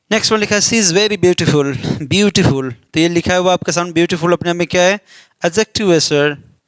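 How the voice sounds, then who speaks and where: A man with an Indian accent teaching an exam-prep English grammar lesson. He asks questions and answers them himself, and reads the example sentences out slowly. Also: on the high side, smooth, dry recording.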